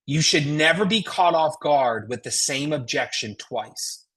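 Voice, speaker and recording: A woman's voice: sits low, expressive, unhurried, a bit bright, husky. A woman with an American accent giving a motivational sales coaching talk as a trainer, emphatic and folksy, with rhetorical questions. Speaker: network marketing trainer.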